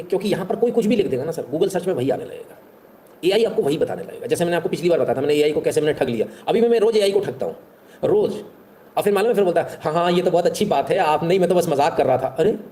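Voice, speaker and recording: A man hosting a casual talk to his viewers, rhetorical and animated, who keeps asking if they follow. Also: a little high, a little hiss or hum. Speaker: online history talk host.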